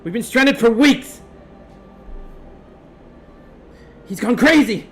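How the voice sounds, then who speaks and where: A man's voice: very high voice, lively intonation, normal speed, fairly bright tone, pitched above the performer's own voice. A man playing a panicked, stranded space expedition member in a tabletop game, pleading frantically in a raised voice. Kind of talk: tabletop game role-play.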